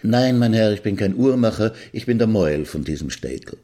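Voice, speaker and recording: Deep mellow village circumciser guy, narrator doing him, matter-of-fact. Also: animated, normal speed. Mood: patient.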